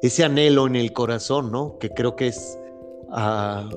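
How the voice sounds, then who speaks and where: A man hosts a faith podcast in an earnest, rambling way, circling back and restarting his sentences. His voice sits at an ordinary middle pitch. Soft music plays faintly behind him. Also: a little slow. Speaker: podcast host. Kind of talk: casual faith-based podcast conversation.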